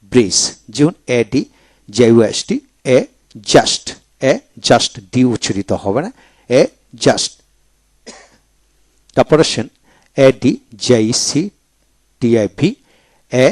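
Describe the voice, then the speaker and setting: Man spelling words out slowly. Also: medium pitch, darkish tone, husky, no echo. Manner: spells words letter by letter, then repeats them slowly. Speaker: English pronunciation teacher. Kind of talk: video lecture.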